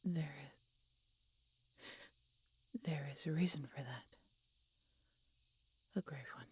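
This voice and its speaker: A female performer, cast as an ancient dragoness near death, speaks to the listener in a dramatic audio roleplay captured in a slightly noisy recording. Her voice is low, darkish, breathy and whispery, tender yet pained and grave. The centuries-old dragon is mortally wounded and resigned, so the delivery comes weak and halting, broken by dramatic pauses.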